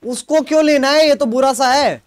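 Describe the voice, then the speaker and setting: A man's voice: extremely high pitch, moderate pace. A young man streaming a game with friends, teasing and joking in casual chat.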